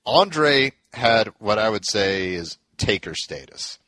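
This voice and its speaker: A man's voice: lowish voice, animated, slow, pushed and bright, dry recording. A man casually retelling old wrestling events, rambling with plenty of fillers and restarts. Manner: loose storytelling with many fillers and restarts. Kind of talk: casual wrestling history chat.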